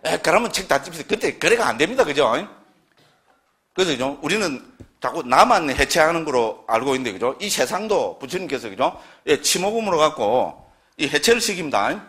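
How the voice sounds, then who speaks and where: Gyeongsang-accented man lecturing, pitched a bit high. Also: fairly quick. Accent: Gyeongsang Korean. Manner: keeps asking the class for agreement, lively and conversational. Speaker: Buddhist scripture lecturer. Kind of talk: classroom lecture on early Buddhist texts.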